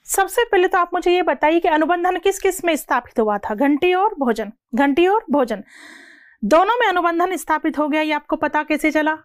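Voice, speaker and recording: A woman teacher giving a lecture, asking her students questions and repeating the definitions slowly, word by word. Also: sits high, no room sound, studio quality. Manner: repeats and asks the class questions; slows down to read definitions word by word. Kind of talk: classroom lecture.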